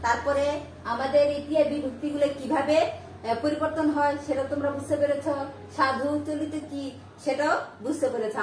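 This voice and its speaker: Female teacher, high voice, repetitive questioning style, distant mic in an echoey room. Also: slight background noise. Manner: repeats and asks rhetorical questions. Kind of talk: online grammar lesson.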